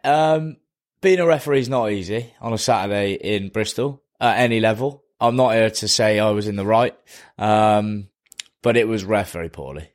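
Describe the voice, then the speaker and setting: A man's voice: on the low side, moderate pace. A man co-hosting a casual sports podcast in a jokey, self-mocking way. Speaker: podcast co-host.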